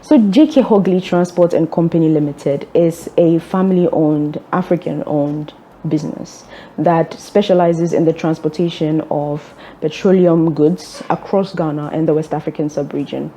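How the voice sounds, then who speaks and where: A young woman, an executive director, giving measured, orderly interview answers with occasional ums. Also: low voice, warm tone, slight background noise. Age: young adult. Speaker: executive director of a fuel transport firm.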